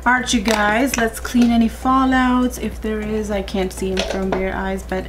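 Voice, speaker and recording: A woman's voice: medium pitch, level tone, normal speed, noisy background. Chatty woman beauty vlogger. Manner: chatty, talks to viewers as "you guys", walks through each step. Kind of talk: casual makeup tutorial chat.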